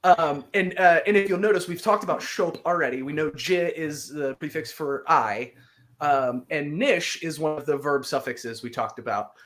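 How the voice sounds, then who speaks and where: A language teacher in a casual lesson, chatty and patient. Explains grammar in loose everyday talk with many fillers. Slows right down to model a phrase for the learner. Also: medium pitch, a bit bright. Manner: patient, repeats phrases slowly for practice.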